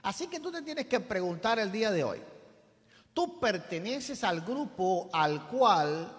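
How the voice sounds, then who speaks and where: A man preaching in a debate, pressing his audience with rhetorical questions. His voice sits high for a man, and it rings with the long reverb of a hall. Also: very animated, measured pace, a bit bright.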